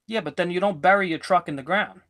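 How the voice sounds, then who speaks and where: A man co-hosting a sports betting podcast, talking in a loose, rambling way. He jokes and teases his co-host in casual banter, and his voice sits a little high for a man. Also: fast, a bit bright.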